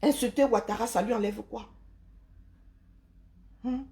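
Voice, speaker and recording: A woman from Cameroon speaks in a warm, rather high voice with fairly even intonation and an unhurried pace. Hosting a live stream, she lectures viewers emphatically in an opinionated monologue, using rhetorical questions and tags such as "hein".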